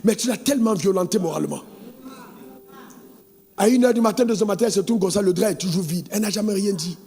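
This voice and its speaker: Male pastor, high pitch, animated sing-song sermon delivery that breaks into shouts. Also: fast, slightly rough. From Côte d'Ivoire.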